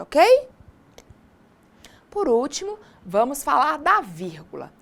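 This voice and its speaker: A woman teacher giving a recorded lesson, chatty and lively, often asking the class questions. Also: high voice.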